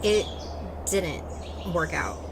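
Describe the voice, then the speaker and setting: A woman's voice: fairly low pitch, animated, drawn-out words, noisy background. A woman acting a wry, pragmatic wasteland survivor in a comic audio drama.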